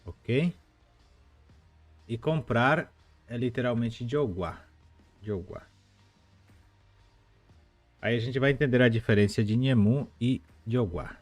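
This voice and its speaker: A man with a medium-pitched voice teaches a live online language lesson, explaining patiently, repeating words slowly and making chatty asides to viewers. There's no room sound, just faint music in the background.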